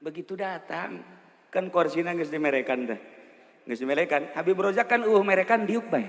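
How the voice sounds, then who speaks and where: A male preacher with a Sundanese accent telling a story in a lively, joking sermon. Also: on the high side, normal speed. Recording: long hall reverb.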